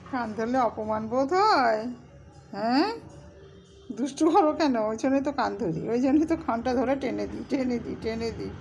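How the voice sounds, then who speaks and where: Woman scolding and teasing her pet, highish voice, noisy hiss behind. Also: a little fast, creaky, darkish tone, muffled recording. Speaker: pet owner. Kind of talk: casual talk to a pet.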